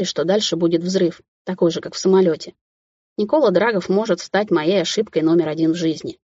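A woman narrating a first-person romance audiobook in a soft, intimate, unhurried way. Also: lowish voice, breathy edge, dry recording, muffled recording.

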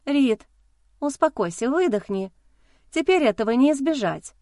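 A caring female friend, warm and lively as she reassures someone, read by a woman. The voice sits somewhat high and is recorded very dry and close. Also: normal speed, no echo. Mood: reassuring.

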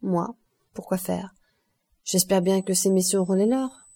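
A woman's voice: mid-range voice, gravelly. A woman reading a grave, resigned nobleman. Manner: calm, measured, resigned. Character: grave, fatalistic nobleman count.

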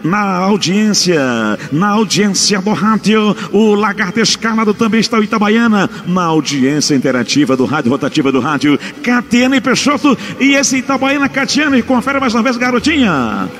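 A man's voice: high-pitched, sing-song, normal speed, fairly bright tone. A man presenting a radio football broadcast in a showy, emphatic way, drawing out names. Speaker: radio football host and announcer. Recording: reverberant radio sound over music.

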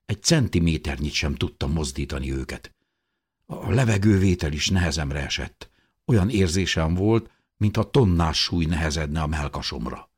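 Deep, husky male audiobook narrator. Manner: expressive, dramatic reading. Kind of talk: first-person audiobook narration.

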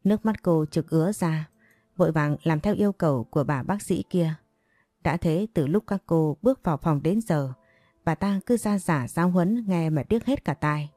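A woman narrating a story in a steady, even read. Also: low voice, normal speed, no echo.

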